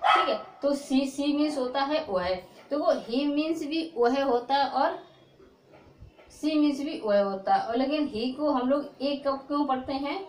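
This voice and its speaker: A woman with a high voice teaches a pronunciation lesson. She keeps posing questions and answering them herself, checking that the class follows. Her voice rings in a roomy, echoey space. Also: unhurried. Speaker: English teacher. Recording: echoey room.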